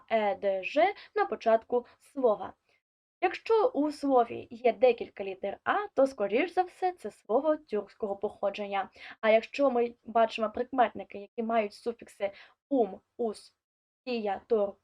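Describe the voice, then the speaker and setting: Fairly high in pitch yet darkish in tone, a woman's voice leads an online language lesson, working from a script and setting out examples one at a time in a clear, measured way. The sound quality is dull and lo-fi.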